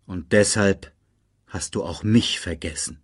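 A man voicing Mufasa, the ghost of a solemn lion king who speaks low and slow. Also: breathy edge, no room sound, studio quality, heavily acted.

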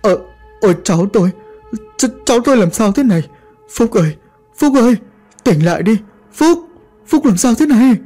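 A man voicing a hot-tempered, foul-mouthed old grandfather who barks and shouts. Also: very high-pitched, expressive, normal speed, pauses often, soft background music, pitched above the performer's own voice. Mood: distraught. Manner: barking, cursing shouts.

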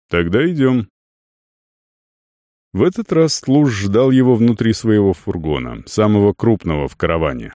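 A man narrating a fantasy audiobook in a lively, expressive reading. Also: fairly low pitch, no echo, clean studio sound.

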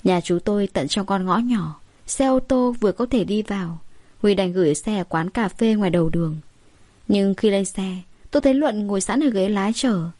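Female narrator, lively first-person storytelling, close dead-dry mic. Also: medium pitch, moderate pace, no room sound. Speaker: audiobook narrator.

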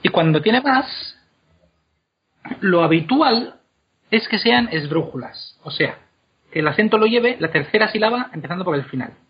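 A man talks like a lively teacher, stretching words out slowly to show how they sound. His voice is a little husky and sits slightly high. The recording is dull and lo-fi. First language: Spanish. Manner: animated teacher, repeats words slowly to demonstrate. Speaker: guest explaining Elvish pronunciation. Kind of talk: casual explanatory chat.

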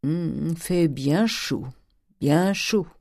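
A stingy old provincial miser speaks bluntly, drawing out his hums and grumbles, voiced by a man reading aloud. The tone is dark and mellow, and the sound is close and dry. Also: fairly high pitch, expressive, unhurried, dry recording. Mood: gruff.

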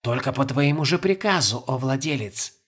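A male narrator voicing a sharp-tongued, scheming old woman court servant who talks in a dry, needling way. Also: mid-range voice, lively intonation, moderate pace. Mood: deferential. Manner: dry, needling, quietly triumphant. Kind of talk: audiobook character voice.

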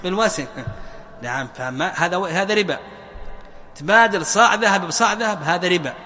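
A man teaching a classroom lesson on religious law, quizzing his students with repeated questions and drawing key words out slowly. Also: high voice, sharp tone, in a large hall. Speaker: Islamic jurisprudence teacher.

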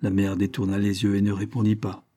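A man narrating a classic short story in a measured, even audiobook reading. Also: on the low side, husky, no echo, clean studio sound.

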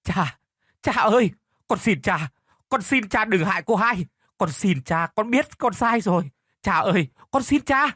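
Storybook: male narrator plays a desperate young son, pleading, pitched high and straining. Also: expressive, measured pace, bright, forceful tone, husky, no room sound, clean studio sound, exaggerated voice. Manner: begging, voice climbing high and strained. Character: desperate young man pleading with his father.

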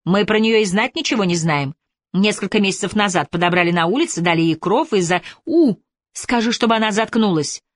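A woman narrator voicing a shrill, quarrelsome middle-aged housewife who shrieks her excuses. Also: expressive, fairly quick, no room sound, studio quality, natural voice. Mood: scornful.

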